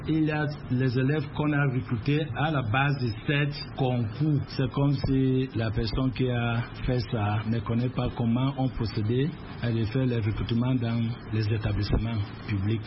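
A man's voice: medium pitch, fairly even intonation, normal speed. School principal guy pushing back, dull lo-fi field clip, noise behind. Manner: defensive, indignant denial. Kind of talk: interview clip. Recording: lo-fi field recording with clear background noise.

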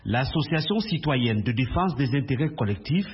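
A man reporting as a radio correspondent, in a steady, formal news voice. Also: mid-range voice, moderate pace, background noise. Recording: dull, lo-fi radio sound.

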